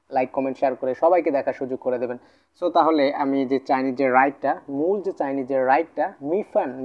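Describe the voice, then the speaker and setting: A man's voice: mid-range voice, lo-fi sound. A man teaching a vocabulary lesson in a casual, repetitive way, often checking in with the viewer. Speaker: language tutor.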